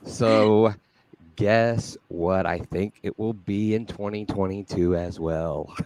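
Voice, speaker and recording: A man joining a casual video-call panel as a guest, animated and playful. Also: lowish voice, slow pace, no echo, poor audio.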